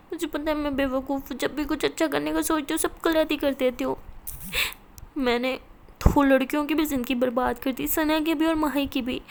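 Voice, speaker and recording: A woman's voice: high voice, gravelly. A woman voicing a tearful college girl. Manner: pleading, tearful. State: crying. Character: young college woman, emotional, clingy.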